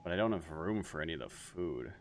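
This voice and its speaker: Male streamer, low voice, casual self-talk over gameplay, faint background hiss. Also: animated, quick pace. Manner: thinking aloud, musing and self-correcting.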